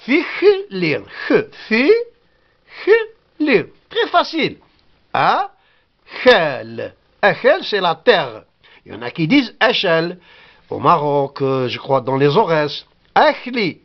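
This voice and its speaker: A man's voice: on the high side, lo-fi sound. A man whose first language is Kabyle gives a patient spoken lesson, repeating each word and sounding it out. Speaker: language teacher.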